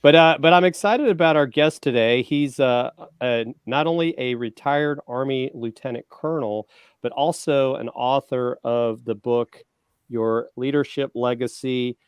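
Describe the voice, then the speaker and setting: Smooth-voiced chatty male co-host. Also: medium pitch, a little slow, dry recording. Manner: chatty, many fillers and restarts. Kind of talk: casual podcast chat.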